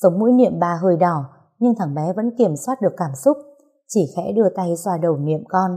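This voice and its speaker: A woman reading a story aloud as narrator, lively and expressive. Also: on the low side, brisk, breathy edge.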